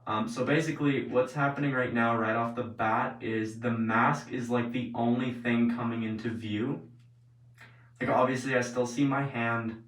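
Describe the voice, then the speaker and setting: A man's voice: medium pitch, fairly even intonation, moderate pace, distant mic. Casual man vlogging in an echoey room. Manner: informal, frequent "like" and "basically". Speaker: host of an experiment video series. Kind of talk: casual explanatory vlog chat. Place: indoors, later in an echoey bathroom. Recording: roomy echo.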